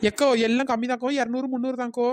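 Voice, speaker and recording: A woman's voice: fairly high pitch, little pitch movement, racing, no echo, close to an everyday voice. [name], a woman doing a cheeky village girl. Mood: teasing. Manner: teasing, wisecracking, melodramatic wailing when scared. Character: young village girl bangle-anklet seller, cheeky. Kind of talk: cartoon voice acting.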